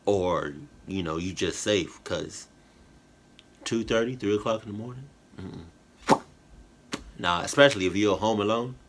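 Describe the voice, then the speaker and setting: Indoors at home, a tired YouTube reactor chats casually with his viewers in a somewhat low, slightly bright voice. He speaks a little slowly with long pauses, rambling with slang, fillers and restarts. Slight background noise is audible.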